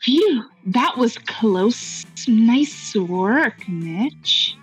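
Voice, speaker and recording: A woman voicing a sassy, scolding snake-haired monster woman from a video game in a slow, drawn-out snake voice. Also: fairly high pitch, very animated, husky, faint music behind, exaggerated voice, low-quality recording. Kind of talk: voicing a video game's dialogue.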